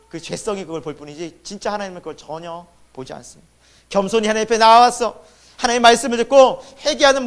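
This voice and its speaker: A man preaching a sermon as pastor. He asks the congregation questions and answers them himself, and his voice swings between loud emphasis and sudden hushed drops. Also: sits high. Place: church sanctuary.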